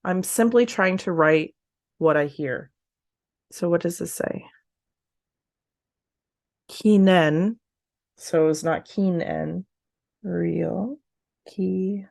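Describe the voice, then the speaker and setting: A woman's voice: fairly low pitch, takes it slowly, creaky, long pauses, darkish tone, dry recording, clean studio sound. A woman who is a native English speaker, casually studying a language aloud, talking to herself and repeating syllables as she sounds them out. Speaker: language learner hosting a practice session.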